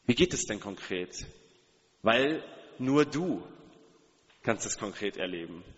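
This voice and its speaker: The preacher's voice sits on the low side, and he speaks slowly with lively intonation. Earnestly, he questions his listeners directly and repeats key phrases to drive points home. Long hall reverb and a dull sound color the recording.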